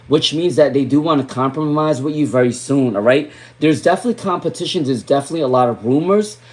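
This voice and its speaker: A young adult man from Rhode Island giving live tarot readings on a stream, repeating viewers' names and muttering softly while he draws cards. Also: on the high side. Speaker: tarot reader.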